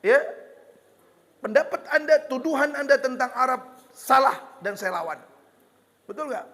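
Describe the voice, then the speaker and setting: High-pitched Betawi preacher, joking. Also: male voice, unhurried, long reverb tail. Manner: lively and joking, slips into Betawi slang. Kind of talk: sermon. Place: hall with religious gathering.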